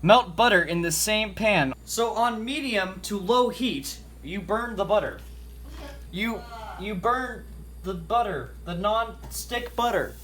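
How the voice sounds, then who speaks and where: A man's voice: sits high, lively intonation, slow pace, fairly bright tone, a little hiss or hum. A man hosting a goofy home cooking tutorial, reading recipe steps aloud and making up silly facts. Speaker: cooking show host. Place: home kitchen.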